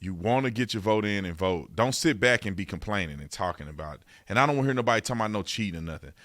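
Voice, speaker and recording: A man with a fairly low voice hosts a political talk show. He speaks casually in folksy, informal phrasing and repeats himself for emphasis. The sound is dry and close, as on a studio microphone. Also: animated, racing, a bit bright, no echo. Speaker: radio talk show host. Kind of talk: casual conversational political commentary.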